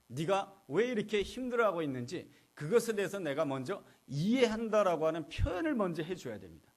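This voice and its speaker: Lively, rather high-pitched male pastor preaching. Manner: teaching, poses rhetorical questions to the congregation. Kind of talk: sermon. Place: church.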